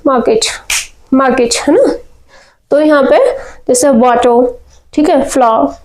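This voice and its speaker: A woman's voice: high voice, fairly even intonation, measured pace, a little mellow, low-quality recording. A woman teaching spoken English pronunciation, drilling words over and over and asking and answering her own questions.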